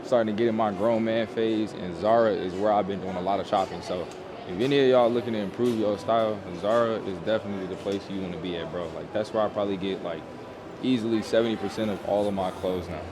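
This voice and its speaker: A man's voice: lowish voice, fairly even intonation, fast, a crowd in the background. A young man casually vlogging to camera in a laid-back, slangy way. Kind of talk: casual vlog talk to camera. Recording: background music throughout.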